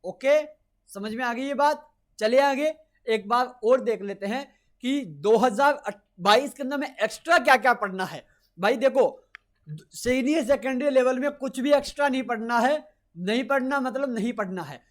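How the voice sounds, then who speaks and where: High-voiced emphatic physics teacher. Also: male voice, normal speed. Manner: repetitive, emphatic, reassuring. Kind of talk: exam-prep lecture over screen notes.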